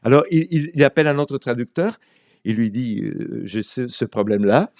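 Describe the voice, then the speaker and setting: In a clean, dry studio recording, a male writer and translator from Argentina chats as an interview guest, telling stories and often groping for the right word. A native Spanish speaker with an Argentine accent, he has a medium-pitched, slightly mellow voice with lively intonation and a normal pace.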